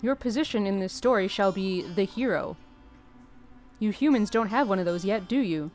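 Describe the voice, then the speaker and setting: A woman's voice: medium pitch, normal speed, darkish tone, close to an everyday voice. Woman voicing a haughty, sardonic game demon. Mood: haughty, intrigued. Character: grumpy, sardonic male demon, gluttonous and henpecked. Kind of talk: reading game dialogue in character. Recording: music behind the voice.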